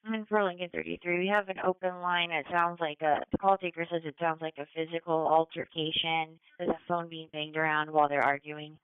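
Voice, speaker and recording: A woman's voice: sits low, flat delivery, fairly quick, hardly any pauses, smooth, dry recording. A woman police dispatcher giving clipped, procedural calls, heard over a police radio. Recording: narrow radio-scanner audio.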